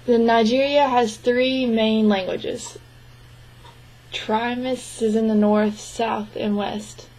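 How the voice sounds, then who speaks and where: A female sign language interpreter voices a deaf man's answers in a signed interview. Her higher voice stays flat, and her delivery is even and measured, with frequent restarts. The audio quality is poor.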